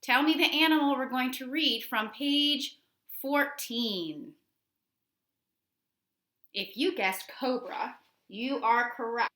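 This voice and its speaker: A woman teacher reads children's nonfiction aloud, speaking directly to young listeners with deliberate, instructional phrasing. Her voice is high-pitched and fairly bright, and the sound is roomy.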